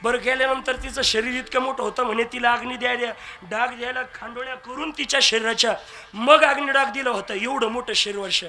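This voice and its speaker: A man's voice: very high voice, steady tone, fairly quick, pushed and bright. A man preaching a devotional kirtan, telling stories with humor, acting out dialogue and asking the crowd for agreement. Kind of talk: devotional kirtan sermon with storytelling.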